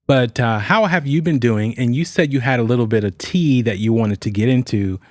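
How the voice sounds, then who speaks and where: Male podcast host, medium pitch, informal chat, recorded close and dry. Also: brisk, a little mellow, dry recording. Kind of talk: casual chat.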